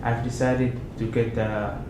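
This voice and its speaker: Young Somali man, interview guest, hesitant delivery, mid pitch, roomy and noisy recording. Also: flat delivery, a little slow. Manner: hesitant, many restarts and fillers. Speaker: interview guest, MBA student. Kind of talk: casual interview answers. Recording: echoey room with background noise.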